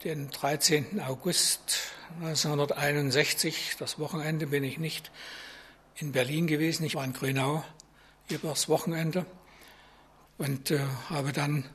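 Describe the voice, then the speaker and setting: A man in his seventies giving hesitant testimony for a radio documentary, with fillers and pauses. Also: on the high side, steady tone, a bit bright, a little hiss or hum. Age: 70s. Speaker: interviewee, former ministry employee. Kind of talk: recorded testimony.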